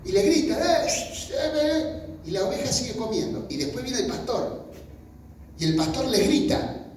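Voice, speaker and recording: A preacher delivers a casual, chatty sermon, often breaking off and restarting phrases. The voice sits at a middle pitch. It sounds far from the microphone in a room with strong, booming echo. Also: slight background noise. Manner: colloquial, conversational preaching with frequent restarts and acted-out quotes. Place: church gathering in person. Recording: very echoey room, speaker far from mic.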